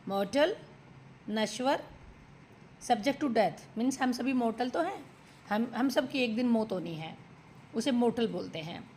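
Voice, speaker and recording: A woman's voice: a little high, a little mellow, slight background noise. A woman English teacher reading out vocabulary words and their meanings one by one to her students. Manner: slow, deliberate word-by-word dictation to students; addresses students as "beta". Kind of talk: vocabulary lesson.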